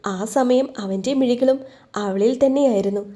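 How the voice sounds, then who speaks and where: A woman narrating a romantic audio story in a steady, even storytelling manner. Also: on the high side, normal speed.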